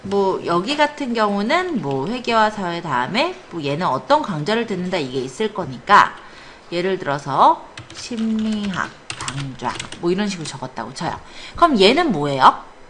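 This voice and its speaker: Very animated and fairly bright, a woman with a fairly low-pitched voice teaches a spreadsheet lesson at a computer academy at a moderate pace. She leads the hands-on class step by step, frequently confirming that students follow through short questions and encouragement. Classroom noise can be clearly heard.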